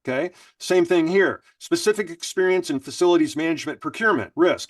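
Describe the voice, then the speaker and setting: A man's voice: a little high, dry recording, distant mic. A man presenting a webinar, casually explaining and reading prompts aloud. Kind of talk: instructional webinar talk.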